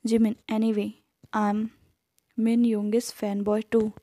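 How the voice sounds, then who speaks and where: A woman's voice: fairly high pitch, monotone, takes it slowly, mellow, slight background noise. A woman reading the lines of a teasing young brother in a fan story, naming him before each line. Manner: reads the figure's name before each line.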